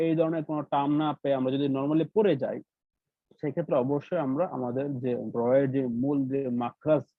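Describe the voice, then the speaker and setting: A man's voice: medium pitch, dry recording. A man teaching Quran recitation rules in an online class with a Bangladeshi Bengali accent, explaining step by step and often checking that students follow. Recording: dry tinny call audio.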